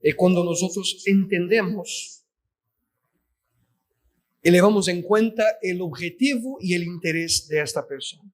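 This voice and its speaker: Male preacher, high voice, emphatic sermon delivery. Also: measured pace, long pauses. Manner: emphatic, addresses listeners as "queridos". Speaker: pastor.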